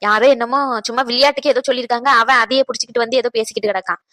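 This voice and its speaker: A woman voicing a motherly older aunt in a cartoon, who comforts and gently scolds. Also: a little high, very fast, no echo. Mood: soothing. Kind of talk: cartoon dubbing.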